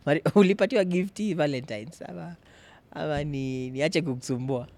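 A man's voice: a little high, fairly quick, mellow. A man with a Kenyan accent co-hosting a podcast in casual, bantering conversation. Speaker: podcast co-host.

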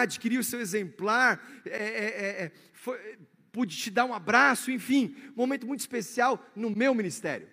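A man with a Brazilian accent preaching a sermon as pastor, swinging between loud declarations and hushed asides. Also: high-pitched. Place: church. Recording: echoey church hall.

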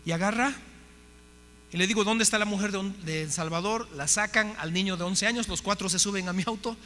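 Man, pastor, sermon storytelling, bright voice, faint hum behind. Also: high voice, fairly quick. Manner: animated storytelling, acting out dialogue. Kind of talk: sermon testimony. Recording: hall reverb, faint hum.

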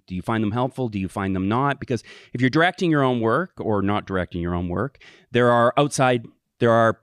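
A man's voice: on the low side, no echo, studio quality. A man hosting a casual interview, asking loose, filler-heavy questions. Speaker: podcast host.

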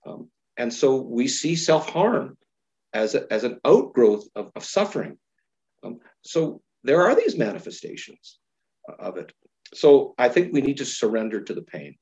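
A man, a pastor, talking earnestly and thoughtfully in a podcast conversation, slowing down to stress key words. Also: medium pitch, sing-song, a little mellow, dull audio.

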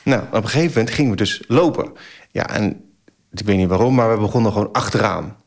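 A man in his forties, a podcast guest, telling a story in a casual, animated way, acting out his own past exclamations with plenty of filler sounds. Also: lowish voice, quick pace.

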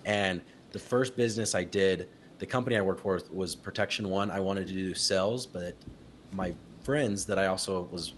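A man with a notably low voice tells stories from his early years as an interview guest. He grew up in Utah and talks in a casual, animated way, often laughing and slipping into the voices of people he quotes. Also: slight background noise. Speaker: guest, company founder.

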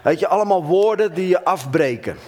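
A preacher with a somewhat high voice retells a Bible story. His storytelling is animated, and he slows down with dramatic pauses. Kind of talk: sermon.

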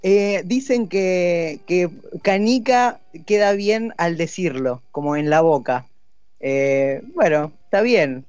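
An Argentine-accented podcast host with a high, smooth, darkish voice speaks slowly in a casual chat, joking and dropping lots of filler sounds. The audio is dry, dull and lo-fi with no echo and faint music.

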